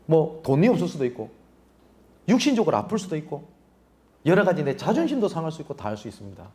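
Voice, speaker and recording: A man's voice: fairly high pitch, sing-song, quick pace, a little mellow. A male pastor preaching a sermon, pressing rhetorical questions on the congregation. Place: church sanctuary.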